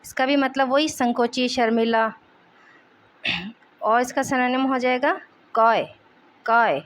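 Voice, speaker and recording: A young woman teaching English vocabulary in Hindi, repeating each word slowly and explaining its meaning. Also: sits high.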